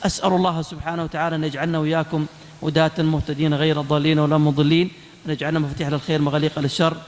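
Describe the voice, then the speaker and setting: A man's voice: on the high side, little pitch movement, racing, in a large hall. A man giving a religious lecture, exhorting his listeners and retelling a story with quoted dialogue.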